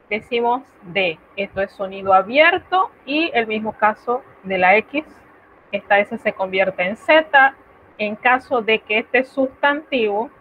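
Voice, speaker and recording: A woman's voice: mid-range voice, slight background noise. A woman teaching a French lesson, explaining step by step in a patient way and pronouncing each example with care. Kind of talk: recorded online class lesson. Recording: tinny lo-fi phone-like audio.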